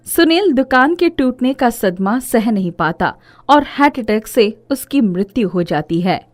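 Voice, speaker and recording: A woman narrating an animated moral story in a scripted, expressive storytelling manner. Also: on the high side, unhurried.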